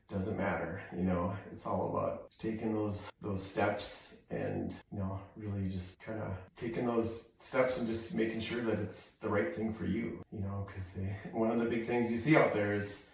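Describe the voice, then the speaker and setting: An American man chatting casually in a halting, rambling way with lots of "you know," as he sits in ice cold water for a vlog. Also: on the low side, fairly even intonation. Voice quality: frequent "you know" filler, halting phrasing. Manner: talking while sitting in ice cold water. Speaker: vlogger doing a cold plunge challenge. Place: outdoor deck, in a cold plunge tub. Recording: very echoey, voice distant from mic.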